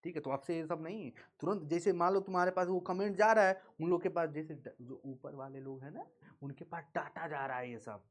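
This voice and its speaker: A man's voice: on the high side, fairly quick. A male teacher, leading a live online class in a playful, teasing way and drilling students with call-and-response chanting.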